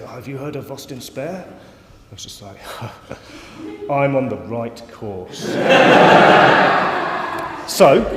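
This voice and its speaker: A man's voice: mid-range voice, slight background noise. A man giving a live lecture, wry and self-mocking, with rambling asides. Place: lecture hall. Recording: roomy hall reverb, faint ambience.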